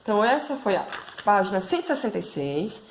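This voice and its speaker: A woman's voice: medium pitch, big pitch swings, fast, slight background noise. A woman with a Brazilian Portuguese accent giving a video math lesson to schoolchildren, explaining patiently and checking in with constant tag questions. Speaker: primary school math teacher.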